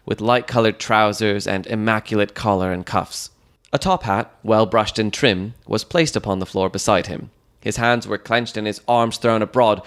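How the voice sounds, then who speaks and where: A man with a lowish voice narrates a Victorian mystery audiobook from a script. His storytelling is dramatic, measured and descriptive.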